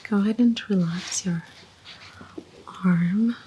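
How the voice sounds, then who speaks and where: A woman whispering softly as a clinician in a roleplay, calmly giving gentle step-by-step instructions during a check-up. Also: mid-range voice, slow pace, a little hiss or hum. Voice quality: soft whisper. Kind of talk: ASMR medical exam roleplay.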